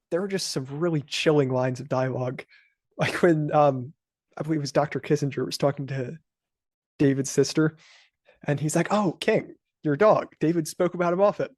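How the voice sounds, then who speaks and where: A man's voice: fairly high pitch, darkish tone, dry recording, clean studio sound. A man co-hosting a podcast, chatting animatedly about a TV show and acting out quoted lines. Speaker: podcast co-host. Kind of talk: casual podcast discussion.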